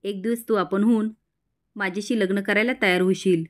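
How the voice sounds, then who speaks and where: A spiteful, jealous young woman, read aloud by a woman recapping a TV serial. The voice sits at a plain middle pitch and is read out simply rather than fully acted. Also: fairly even intonation, normal speed, natural voice. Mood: indignant.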